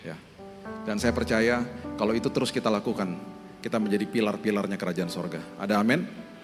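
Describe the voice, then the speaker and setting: A man in his fifties, a pastor, preaching a sermon in lively storytelling style, acting out the voices he quotes. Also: on the low side, fairly quick. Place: church hall. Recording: long hall reverb with faint music.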